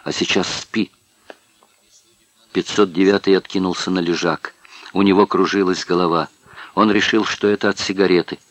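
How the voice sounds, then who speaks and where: Deep-voiced male audiobook narrator. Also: a bit bright, no room sound.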